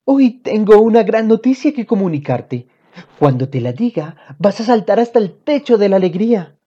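A woman reading aloud, voicing a gentle, cheerful young mother in a children's storybook with a sweet, sing-song manner. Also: mid-range voice, sing-song, moderate pace, voice pushed up. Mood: joyful. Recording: dull lo-fi audio.

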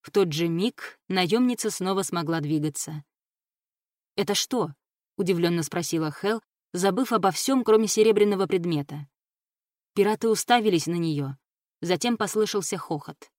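A woman's voice: fairly low pitch, normal speed, darkish tone, dry recording, studio quality. Woman narrating an audiobook.

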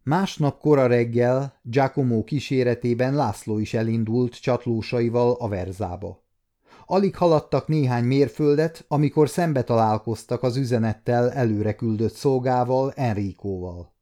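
A man in his fifties reading a historical novel aloud as an audiobook narrator, steady and measured. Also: mid-range voice. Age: 50s.

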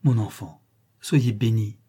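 A man's voice: fairly low pitch, slow, warm tone, slightly rough. A man reading aloud, voicing a proud, weakened older nobleman with a haughty, quavering voice. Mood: moved.

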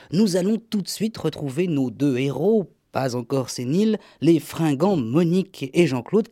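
A radio host with a fairly high, warm voice delivers scripted comic narration in a wry, mock-solemn style. The studio-mic sound is clean with no echo.

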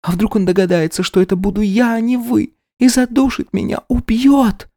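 A man's voice: steady tone, normal speed, dark tone, no room sound, studio quality. A man doing a frightened pleading young woman. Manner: high trembling falsetto, begging.

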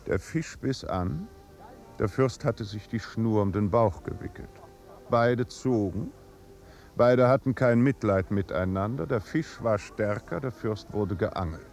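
An actor playing a languid, deadpan aristocratic duke in a 1950s radio drama. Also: male voice, lowish voice, a little slow, soft background music. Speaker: duke at a party.

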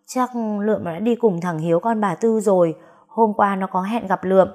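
A timid female maid, frightened of her master, played by a woman storyteller. She stammers and hesitates over her words, her voice pitched a little above the narration. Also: moderate pace, darkish tone, lightly acted. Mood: confessing.

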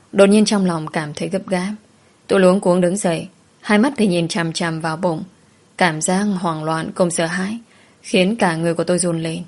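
A woman narrating a first-person audio story in a soft, sorrowful storytelling manner. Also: on the low side.

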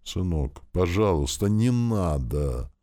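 A defiant noble mother, put on by a man with a very deep voice, pleads and cries out in a strained, raised pitch. Her lines swing from begging to open defiance. An audiobook character voice. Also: big pitch swings, slow pace, mellow, exaggerated voice. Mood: sobbing. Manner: pleading, rising to shrill defiance. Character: desperate aging noblewoman, a prince's mother, defiant.

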